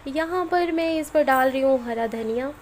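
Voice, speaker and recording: A Pakistani woman in her thirties speaks in a high, slightly mellow voice at normal speed, her throat sore and strained from the flu. She's a cooking vlogger recording a voice-over at home, chatting casually and homely while addressing viewers directly. Faint street and household noise sits in the background.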